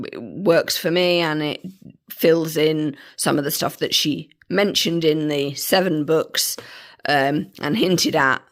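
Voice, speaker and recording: A woman, croaky from a cold, casually reviewing a book in a chatty vlog with dismissive asides. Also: low voice.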